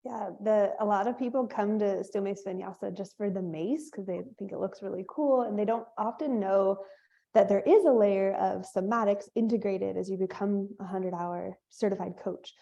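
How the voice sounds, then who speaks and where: A woman's voice: mid-range voice, normal speed, vocal fry, warm tone. A woman hosting an interview, upbeat and enthusiastic in a casual way. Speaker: host, training instructor. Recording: dull lo-fi sound.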